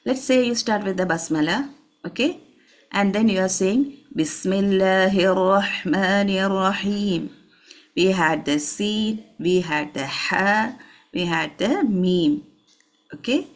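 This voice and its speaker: Woman teacher drawing out letter sounds. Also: mid-range voice. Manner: slow, drawn-out letter demonstrations; checks in with "Understood?". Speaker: Quran reading teacher. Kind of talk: online class instruction.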